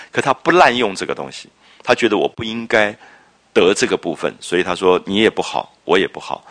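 A man lecturing on a classic novel. He explains at length in a reflective, drawn-out way, fills his talk with interjections, and checks with his listeners through rhetorical questions. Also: lowish voice, fairly bright tone. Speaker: literature lecturer.

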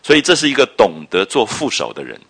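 A man with a low but forceful voice lectures on a classic novel, his pitch rising and falling in a lively way. He explains in a drawn-out, reflective manner and keeps asking his listeners whether they follow. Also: breathy edge. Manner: explanatory, checks understanding with rhetorical questions; drawn-out, reflective phrasing with frequent interjections. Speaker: literature lecturer.

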